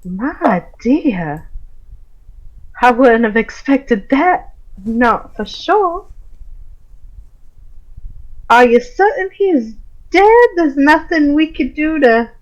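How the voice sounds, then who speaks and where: A game master putting on a prim high-voiced NPC. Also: very animated, drawn-out words, pauses often, lo-fi sound, full character voice. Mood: doubtful. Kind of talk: tabletop game role-play.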